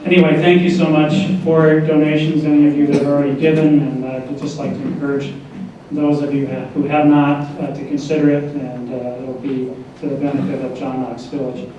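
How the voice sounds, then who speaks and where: An older man giving a memorial tribute to his mother, speaking haltingly with pauses and fillers. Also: on the high side, flat delivery, warm tone, slight background noise. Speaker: son giving a eulogy. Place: large echoing hall. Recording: echoey lo-fi hall recording from far off.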